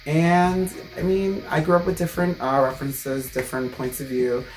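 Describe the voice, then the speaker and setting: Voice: medium pitch, level tone, moderate pace, faint music behind, low-quality recording. A drag performer of twenty-five from New Jersey, Ecuadorian American, introducing themself to camera as a contestant in a bold, upbeat, proud way. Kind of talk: confessional to camera.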